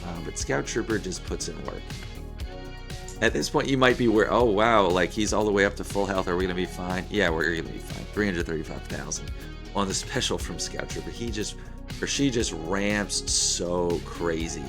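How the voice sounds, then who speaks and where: Hoarse guy doing casual game commentary, deep voice, bit of music behind him. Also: moderate pace. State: hoarse, losing his voice. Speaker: gaming video host. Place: small room indoors at a desk.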